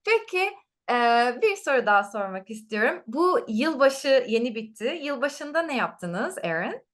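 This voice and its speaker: A woman with a fairly high, very animated voice leads a casual teaching conversation. She sounds encouraging, dropping in short affirmations and repeating phrases as she asks questions. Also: normal speed. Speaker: language teacher interviewing a student.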